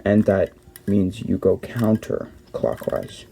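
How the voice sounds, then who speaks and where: A man's voice: low-pitched, sing-song, slow pace, vocal fry, mellow, breathy edge. A young man hosting a casual step-by-step tutorial, explaining plainly and often correcting himself mid-sentence. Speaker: cube tutorial host.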